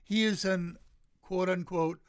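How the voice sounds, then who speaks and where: An older radio host giving solo commentary, sarcastic and rambling, with many pauses and fillers. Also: mid-range voice, steady tone, clean tone. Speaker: radio talk show host.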